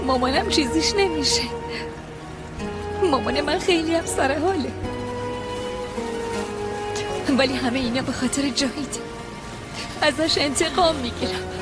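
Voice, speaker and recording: Young woman, betrayed and vengeful. Very high voice, loud score underneath, dubbed series. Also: lively intonation, long pauses. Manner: reproachful, tearful outbursts. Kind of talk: dubbed TV drama. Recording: music over the dialogue.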